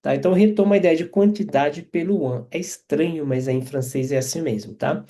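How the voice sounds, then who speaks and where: Male French teacher, slightly high, mellow tone, patient explainer who keeps checking understanding. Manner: repeats and checks in with quick tags. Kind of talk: explaining grammar with example sentences.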